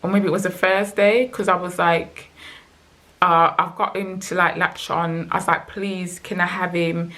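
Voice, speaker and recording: A woman's voice: on the low side, moderate pace. Woman telling a storytime vlog. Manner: emotional, animated retelling with acted quotes. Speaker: vlogger.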